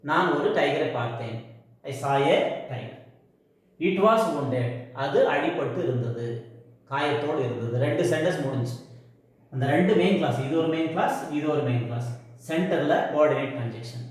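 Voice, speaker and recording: A man teaching grammar in a classroom lesson. He explains in Tamil, asks and answers his own questions, and reads English example sentences slowly, word by word. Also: medium pitch, animated. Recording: very echoey room.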